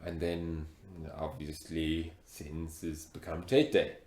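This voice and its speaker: A man's voice: rumbling low, monotone, a little mellow, echoey room, voice pushed down. A man putting on a heavy African accent. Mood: playful. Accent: African (put on). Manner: halting, many fillers and restarts.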